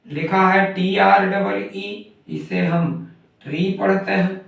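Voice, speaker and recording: A man with a high, gravelly voice gives a slow, careful pronunciation lesson and spells out each word letter by letter. He sits well back from the microphone in a strongly echoing room. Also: steady tone, fairly bright tone. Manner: methodical, spells out letters one by one. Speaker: English pronunciation teacher. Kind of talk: explanatory lesson. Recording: very echoey room, far from the mic.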